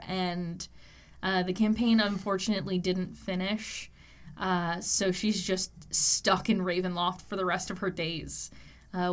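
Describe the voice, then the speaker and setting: A woman co-hosting a casual podcast chat, talking thoughtfully with frequent pauses and fillers. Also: fairly low pitch. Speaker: podcast co-host. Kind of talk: casual chat about tabletop characters.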